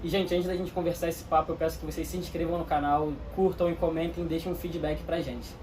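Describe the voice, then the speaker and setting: A fast-talking male host, brisk and welcoming, his voice slightly raised in pitch. He sounds set back from the mic, with clear background noise in the recording. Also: little pitch movement, far from the mic. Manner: brisk, welcoming presenter delivery. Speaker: interview host. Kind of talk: channel host introduction and questions.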